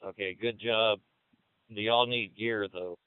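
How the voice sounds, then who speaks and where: A man's voice: fairly low pitch, steady tone, unhurried. A man speaking as a battalion fire chief over a two-way radio. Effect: two-way radio transmission. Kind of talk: firefighter radio communication. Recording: dry, narrow-band radio channel.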